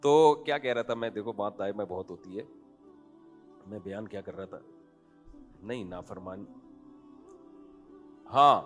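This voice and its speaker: A man giving a humorous, conversational sermon as a preacher, telling family anecdotes in a joking tone. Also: on the high side. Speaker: Islamic preacher.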